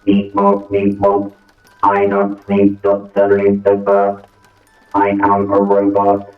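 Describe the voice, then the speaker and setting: A woman voicing a stiff, clanking male robot patient who speaks in a beeping robotic monotone, in a spoken horror story. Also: a bass voice, slow pace, soft background music, voice pushed down. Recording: distant, echoey, phone-like tinny sound.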